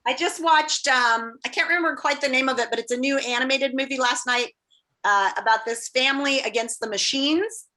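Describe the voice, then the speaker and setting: Over a video call with noticeable background noise, a woman teacher casually leads a class game, playfully prompting and encouraging the children. Her voice is high-pitched, bright, and forceful, with a brisk pace.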